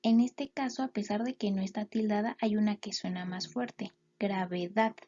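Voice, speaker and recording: A woman teaching a lesson, explaining step by step and sounding out words slowly, syllable by syllable. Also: mid-range voice, steady tone, dark tone, highs cut off. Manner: slow, clear syllable-by-syllable explanations.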